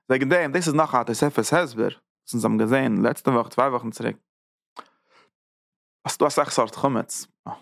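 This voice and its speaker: Gravelly-voiced man teaching a religious class. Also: mid-range voice, no room sound, clean studio sound. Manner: thinks aloud, repeats phrases and asks rhetorical questions. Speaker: Torah teacher giving a class. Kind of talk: lively religious lecture.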